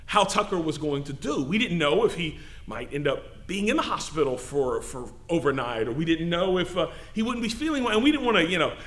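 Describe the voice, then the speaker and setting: Lively high-voiced preacher. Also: male voice, fairly quick, few pauses. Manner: animated, call-and-response preaching, playful asides. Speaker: pastor. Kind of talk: sermon. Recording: echoey room.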